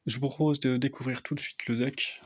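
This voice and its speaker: A young man softly explaining a card game deck as casual gameplay commentary, often hesitant with fillers. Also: steady tone, fairly quick. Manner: speaks softly, low volume. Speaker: card game content creator.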